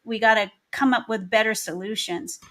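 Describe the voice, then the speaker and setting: A woman's voice: fairly high pitch, fairly even intonation, moderate pace, fairly bright tone. A woman hosting a podcast interview, speaking in an earnest, emphatic way and searching for her words. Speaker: podcast host and party chair. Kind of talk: casual interview chat.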